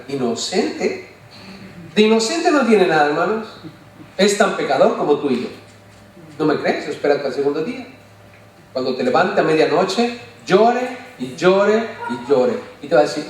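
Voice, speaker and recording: A man preaching as a pastor, animated, often asking the congregation questions and joking. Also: high-pitched. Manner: playful, jokes and mimics voices. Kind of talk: sermon. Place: church sanctuary. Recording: echoey church from far off.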